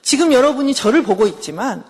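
A woman's voice: high-pitched, sing-song, fast talker, slightly rough, in a large hall. A middle-aged woman professor giving a conversational counseling lecture, often asking her listeners questions. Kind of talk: classroom lecture.

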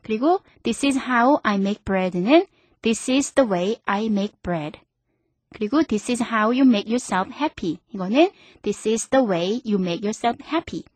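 A woman hosting a radio English lesson, explaining step by step and slowly repeating each example sentence. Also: fairly high pitch, no room sound. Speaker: radio English teacher host.

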